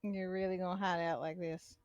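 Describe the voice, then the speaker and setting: A woman playing a tabletop role-playing game, chatting casually and improvising in a halting, amused way. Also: lowish voice, little pitch movement, clean tone, no room sound.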